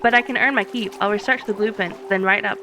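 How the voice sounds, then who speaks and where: Quippy rescued game villager, hungry and cheerful, read by a woman, quick and lightly bright. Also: medium pitch, steady tone, background noise, natural voice. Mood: perky. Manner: reading game dialogue aloud, brisk.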